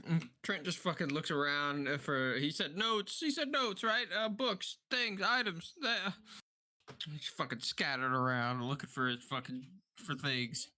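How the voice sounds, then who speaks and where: A man plays his character in a tabletop game in casual table talk. He speaks slowly and hesitantly, swearing freely as he goes. His voice is bright and forward. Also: fairly high pitch, fairly even intonation. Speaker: player.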